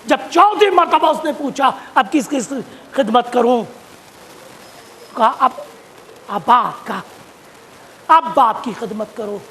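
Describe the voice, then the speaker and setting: A man preaching a sermon, repeating phrases for emphasis and rising to shouts at key points. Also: very high-pitched, pauses often, a little hiss or hum. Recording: long hall reverb.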